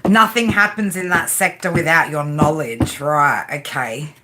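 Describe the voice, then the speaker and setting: This tarot reader speaks with an Australian accent and a low-sitting voice, fairly even in intonation and a little slow, with background noise behind her. Streaming live, she keeps it casual and playful, using slang and reading viewers' comments aloud as she reads the cards.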